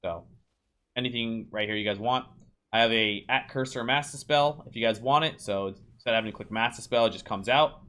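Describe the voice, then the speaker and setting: With a mid-range, bright and forceful voice, a little fast, a man walks viewers through a video game in a casual voice-over tutorial. As a streamer and game guide creator, he keeps it loose and chatty, addressing "you guys" amid frequent ums, uhs and restarts.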